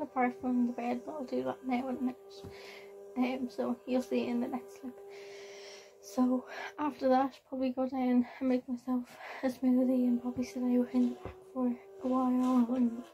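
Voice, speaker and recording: A young woman with an Irish accent chats casually to her vlog viewers in a rambling, halting way, often repeating herself. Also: high-pitched, highs cut off, noisy background. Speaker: vlogger. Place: at home, in a room.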